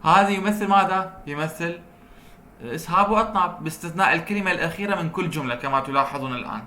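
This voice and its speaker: A man giving a translation lecture, reading English points slowly and explaining them with rhetorical questions. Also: fairly high pitch, pushed and bright, a little hiss or hum. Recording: roomy echo.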